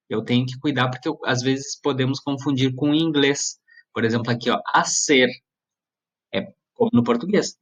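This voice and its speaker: A man's voice: on the high side, highs cut off. A man teacher walking students through a lesson step by step, patiently checking in with them as he explains. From southern Brazil. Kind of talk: recorded classroom lesson. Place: Brazilian school lesson.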